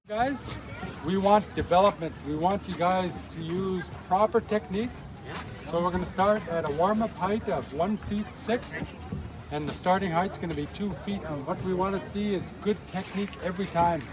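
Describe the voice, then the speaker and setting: A man's voice: high voice, normal speed, poor audio. A man working as an event coach, instructing and encouraging competitors.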